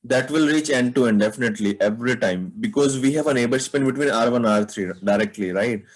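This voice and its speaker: A man's voice: mid-range voice, fast talker, low-quality recording. Guy teaching a tech class on a video call, keeps asking "right?" as he explains. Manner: explains step by step, asks students questions, frequent "right?". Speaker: networking instructor. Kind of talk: live online class lecture.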